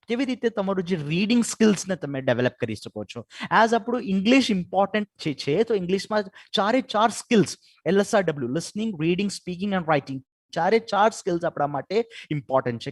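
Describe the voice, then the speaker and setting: A man's voice: sits high, expressive, moderate pace, dry recording, clean studio sound. A man with a Gujarati accent giving a webinar lecture on improving English, mixing Gujarati and English and asking "right?" after almost every point. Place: home or office for an online webinar.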